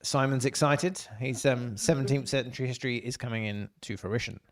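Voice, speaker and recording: A man's voice: medium pitch, brisk, a little hiss or hum. A man hosting a casual online family quiz, joking, laughing and repeating each question. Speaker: quiz host.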